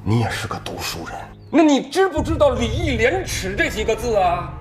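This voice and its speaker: A man's voice: low-pitched, expressive, a little slow, over music. An older actor playing a stern father who lectures in an indignant tone in a TV drama. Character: stern old father defending his daughter. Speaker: father of the young woman. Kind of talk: TV drama acting.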